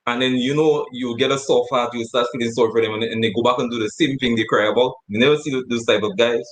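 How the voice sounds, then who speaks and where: A man's voice: mid-range voice, steady tone, fast talker, fairly bright tone, rough recording. A man co-hosting a casual chat show, rambling and laughing often as he talks. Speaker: co-host.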